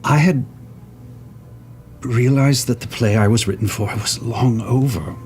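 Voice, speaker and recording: A man playing a created male stage character in a tabletop game, speaking in an earnest, halting way. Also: mid-range voice, darkish tone, faint music behind, close to an everyday voice. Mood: tender, yearning. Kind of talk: tabletop role-play in character.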